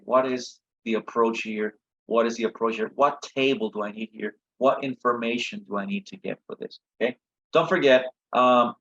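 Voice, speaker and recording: A man with a tired, worn, husky voice gives an informal review lecture as an instructor, haltingly and often checking in with short tag questions. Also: medium pitch, fairly bright tone. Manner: halting, frequent checking "okay?" and "right?". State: tired, voice a little shot. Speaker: chemistry instructor. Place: online video session from a computer. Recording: slightly dull lo-fi audio.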